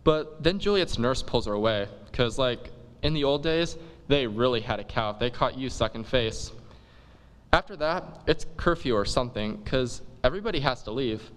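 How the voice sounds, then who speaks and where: A man's voice: mid-range voice, lively intonation, moderate pace, a bit bright, in a large hall. A man giving a comic monologue in laid-back slangy dude talk, full of "like". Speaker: comic performer. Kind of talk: comic monologue retelling a play.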